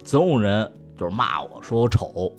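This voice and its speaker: A man in casual chat, telling crude jokes, swearing freely and laughing loudly at his own punchlines. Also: fairly low pitch, lively intonation, moderate pace, faint music behind.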